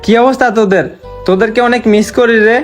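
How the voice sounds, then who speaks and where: A young man acting out an earnest, sorrowful man just back from years of work abroad, who talks in a heartfelt, pleading way. His voice sits high. Soft music plays faintly underneath. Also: fast talker. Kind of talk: amateur short-film acting. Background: faint background music.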